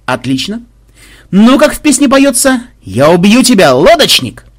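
A man voicing a brash, reckless male gunman who talks loud and cocky. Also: a little high, very animated, normal speed. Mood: gleeful.

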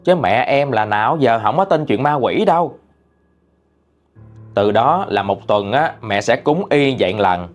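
A man's voice: medium pitch, animated, unhurried, soft background music. A man reading a listener's ghost story aloud in a chatty, conversational way.

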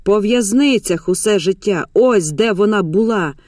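Woman reading as a bitter middle-aged mom, curt and sharp, mellow dark voice, dry sound. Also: mid-range voice, very animated, measured pace, no room sound. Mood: furious.

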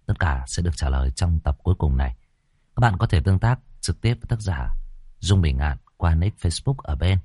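A male storyteller narrating a horror story with expressive, dramatic pacing. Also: deep voice, fairly quick, husky, dry recording, studio quality.

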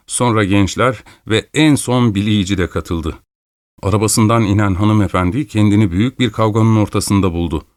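A male narrator reads the story in a steady, measured way. His voice is low. The recording is dry and close. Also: no echo. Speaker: audiobook narrator. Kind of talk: scripted narration.

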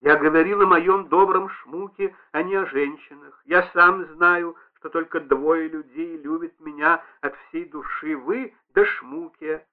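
A man's voice: fairly high pitch, steady tone, a little slow, hardly any pauses, close to an everyday voice. A man reading aloud and voicing a poor, sick old man who pleads and grows exasperated. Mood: pleading. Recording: tinny band-limited radio broadcast.

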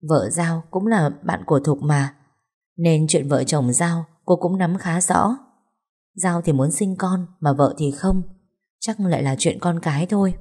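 Female audiobook narrator; low pitch, dark mellow tone, even and steady delivery. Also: measured pace, husky. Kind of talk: scripted story narration.

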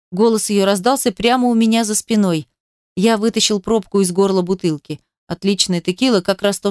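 A woman narrating a story in a steady, measured reading. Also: mid-range voice, clean tone, no room sound, studio quality. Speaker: audiobook narrator. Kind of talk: storybook narration, first person.

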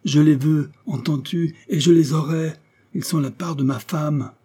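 A man performs a resentful royal son in a storybook reading, voice lifted high above the narration and full of defiance. Husky and dark, he shouts his grievances. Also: lively intonation, normal speed. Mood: defiant. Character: bitter rebellious adult prince, the emperor's son.

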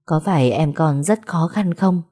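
A woman's voice: low-pitched, unhurried, warm tone. A woman voicing a grieving elderly grandmother in an audio story. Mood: anxious.

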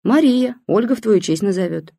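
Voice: mid-range voice, expressive, normal speed, vocal fry, warm tone, dry recording, studio quality, voice pushed up. A reader voicing a stern, commanding old woman who is a fortune teller and talks in curt orders. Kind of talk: audiobook character voice.

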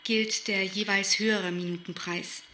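An actress playing a young call centre agent, speaking in a polite, formulaic customer service voice. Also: female voice, mid-range voice, steady tone, a little slow, bright, forceful tone. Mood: polite, businesslike. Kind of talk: scripted customer service phone talk.

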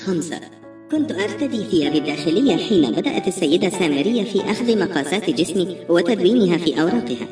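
A woman reading a novel aloud in a brisk, steady storytelling manner. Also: lowish voice. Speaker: audiobook narrator. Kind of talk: scripted novel narration. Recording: roomy echo, distant mic, faint music.

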